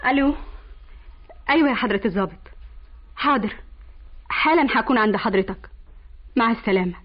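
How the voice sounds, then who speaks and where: A shocked, disgusted Egyptian woman in an old radio play. Her voice is husky and rapid. The recording is muffled. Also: a little high, expressive. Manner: disgusted and tearful reproach. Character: shocked, indignant young woman. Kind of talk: radio drama acting.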